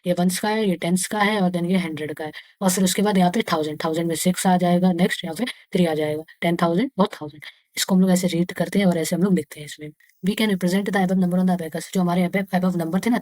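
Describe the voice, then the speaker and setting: A woman with an Indian accent teaching maths to young pupils. She reads English textbook lines slowly, then explains them again and counts aloud step by step. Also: fairly low pitch, darkish tone, no room sound. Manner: slow, deliberate reading of English textbook lines; explains each line again in Hindi. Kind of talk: casual lesson for young pupils.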